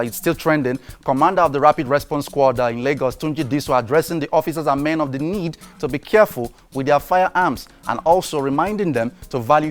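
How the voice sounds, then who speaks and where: A Nigerian man hosting a TV news show, commenting on social media and reading tweets aloud with frequent fillers. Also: mid-range voice. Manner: conversational, many fillers, reads quotes aloud. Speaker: TV news host.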